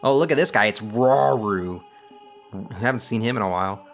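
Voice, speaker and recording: A man's voice: on the low side, moderate pace, faint music behind. A man hosting a let's play, giving casual gameplay commentary with chatty, joking asides.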